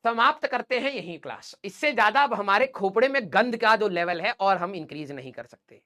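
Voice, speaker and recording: A man's voice: sits high, animated, a little fast, sharp tone. A male physics teacher joking and teasing his students in a live online class, laughing often and dropping English physics terms into casual talk.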